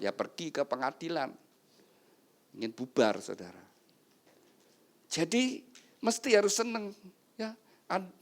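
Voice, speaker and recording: A man preaching a wedding sermon, often rising loud for emphasis. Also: fairly high pitch. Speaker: pastor.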